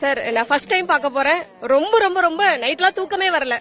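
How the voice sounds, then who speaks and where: A woman in an interview, talking eagerly and excitedly. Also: high voice, fast talker, heavy background noise. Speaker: fan interviewed.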